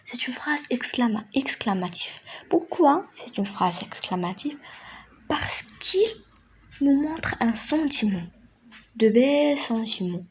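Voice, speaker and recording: A woman's voice: a little high, very animated, slow pace, a little hiss or hum. A woman hosting her channel and explaining a grammar lesson, hesitant, with many fillers and restarts, sometimes dropping to a near whisper. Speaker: teacher, channel host.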